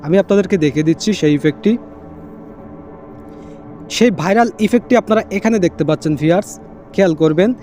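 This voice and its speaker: Over faint background music, a high-voiced man with a mellow-leaning tone hosts a casual screen-recorded phone app tutorial. Speaking quickly, he walks through every step casually, repeats it, and sprinkles in English catchwords.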